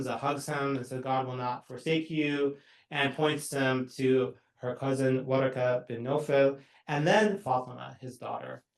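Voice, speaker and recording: A man giving an academic book talk as a lecturer, measured and explanatory, pausing to restart phrases. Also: medium pitch. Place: university lecture hall. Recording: roomy hall sound.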